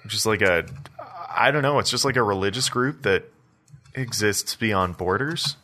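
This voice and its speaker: Low-voiced wry podcast co-host man. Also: lively intonation, sharp tone. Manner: wry and joking, quick asides. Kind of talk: casual podcast chat.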